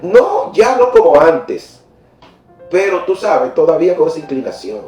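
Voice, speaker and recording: A middle-aged man telling a faith testimony in a church interview, animated and often laughing, repeating words when he gets excited. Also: fairly high pitch, measured pace, roomy sound, far from the mic, soft background music. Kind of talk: emotional personal testimony.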